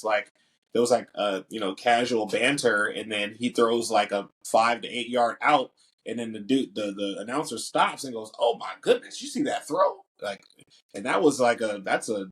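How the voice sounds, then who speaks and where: A man's voice: medium pitch, steady tone, moderate pace, a bit bright. A young man co-hosting a casual sports podcast, talking in loose, slangy bursts full of fillers. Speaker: podcast co-host.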